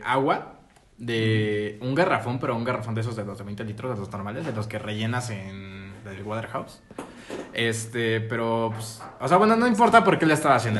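A man with a Mexican accent trades sarcastic jabs on a casual podcast, his voice at an ordinary middle pitch. He rambles through stories in crude slang. A faint noise sits under the recording. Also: fairly bright tone. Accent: Mexican Spanish. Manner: teasing, sarcastic, profane. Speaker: podcast co-host. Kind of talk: casual chat.

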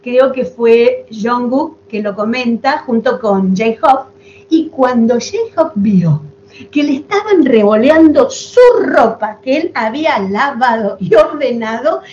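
A woman's voice: a little high, highs cut off, slight background noise. Chatty Argentine-woman host. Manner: chatty, affectionate, animated storytelling with asides. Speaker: podcast host. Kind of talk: casual chat.

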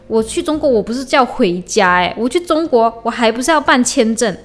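A woman's voice: on the high side, expressive, a little fast. A woman hosting a solo podcast, talking in a heated, blunt, profane way and slipping in English slang. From Malaysia. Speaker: podcast host. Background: faint lo-fi hip-hop beat.

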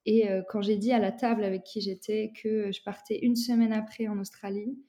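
A young French woman chats through her story with a mellow, relaxed tone. She rambles a little, restarting sentences and filling pauses as she goes. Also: medium pitch. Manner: rambling, many fillers and restarts. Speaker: guest. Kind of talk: casual conversational interview.

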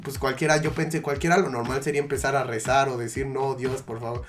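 A young man with a Mexican Spanish accent, telling stories in a relaxed, profane chat with friends. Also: medium pitch, quick pace. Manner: laid-back, swears freely, tells stories. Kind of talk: casual storytelling chat. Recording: noisy background.

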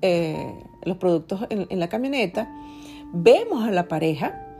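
Lady podcaster telling a story, gravelly voice, soft music faintly behind. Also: lowish voice, animated, unhurried. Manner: chatty, confiding, addresses listeners directly. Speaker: podcast host. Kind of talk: casual storytelling.

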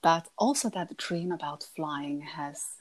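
A woman in her thirties from Slovakia with a Slovak accent, soft-spoken and hesitant as a podcast guest. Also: low-pitched, slow. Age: 30s. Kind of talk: conversational interview.

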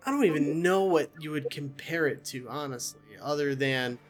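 A man running a tabletop game as dungeon master, describing scenes casually and haltingly. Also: on the high side, soft background music.

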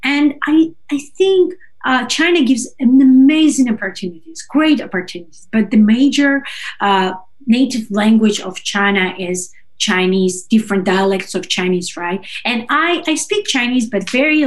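Guesting on a relaxed conversational interview, this singer-songwriter, a native speaker of Russian and Georgian, has a slightly high voice. She pauses often while hunting for the right words and frequently asks "right?".

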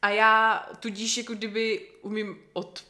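A woman's voice: mid-range voice, level tone, bright, forceful tone. Chatty young woman rambling casually. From Czech Republic. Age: young adult. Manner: chatty, rambling, many fillers and restarts. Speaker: guest telling about a language course abroad. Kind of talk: casual chat.

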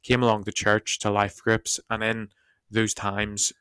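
Preacher, male, croaky, reflective and hedging, flat even delivery, dry close sound. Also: on the low side, measured pace, no echo. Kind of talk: podcast discussion.

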